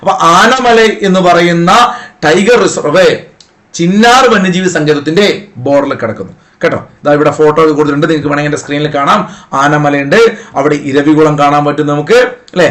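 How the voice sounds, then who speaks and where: A man's voice: a little high, fairly even intonation, brisk, fairly bright tone. A man teaching an online exam-prep lesson, coaxing students along with memory tricks and rhetorical questions.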